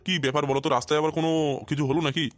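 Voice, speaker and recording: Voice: mid-range voice, level tone, rapid-fire, heavy background noise, pitched below the performer's own voice, natural voice. A performer voicing a worried, welcoming older father-in-law in a cartoon who repeats his words. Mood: fond fussing. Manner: repeats words, anxious fussing.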